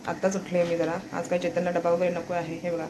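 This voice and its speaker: A woman's voice: fairly low pitch, monotone, quick pace, noisy background. A woman from Maharashtra chatting casually in a home vlog, keeps pointing things out to viewers. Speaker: vlogger.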